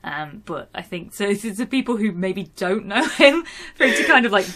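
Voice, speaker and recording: A woman, a photographer guest on a podcast, chatting softly. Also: mid-range voice, very animated, normal speed. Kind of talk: casual chat.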